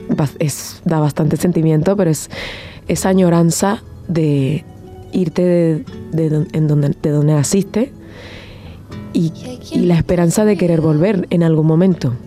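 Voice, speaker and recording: A woman with a Venezuelan accent, speaking thoughtfully in a casual interview, pausing and restarting as she searches for words. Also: lowish voice, dark tone, soft background music. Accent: Venezuelan Spanish. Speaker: band member and guest.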